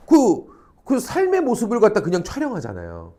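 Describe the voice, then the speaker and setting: A middle-aged man teaching high school social studies, lecturing in a lively way, acting out quoted people and checking in often with rhetorical questions. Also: normal speed. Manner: animated, acts out quoted people, frequent rhetorical check-ins, salty slang. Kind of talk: classroom lecture. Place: academy classroom.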